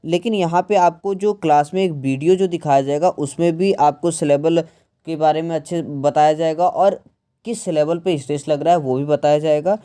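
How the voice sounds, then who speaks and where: Low, mellow-voiced woman teaching English. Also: clear, resonant tone. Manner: slow, hesitant, many fillers, mixing English words into Hindi. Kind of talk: explaining a workbook lesson.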